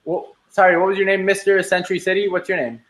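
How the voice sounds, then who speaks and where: Male guest, live video chat, excitable and slangy, slightly high pitch. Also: fast talker, low-quality recording. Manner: enthusiastic, slangy, says "dude" a lot. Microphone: video call.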